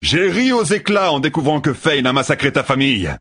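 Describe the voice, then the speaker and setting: A man voicing an arrogant, ruthless male killer who shouts and taunts in an audiobook. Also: on the high side, huge pitch swings, normal speed, breathy edge, voice pushed up, heavily acted. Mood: taunting. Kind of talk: audiobook character voice.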